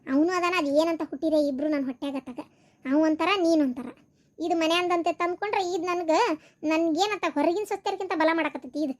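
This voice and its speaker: A woman's voice: very high voice, fast talker, pitched below the performer's own voice. A woman doing a fiery scolding cartoon mother-in-law. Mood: ranting. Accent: North Karnataka Kannada. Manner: scolding, cursing, sharp. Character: scolding short-tempered village mother-in-law, older woman. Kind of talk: cartoon voice acting.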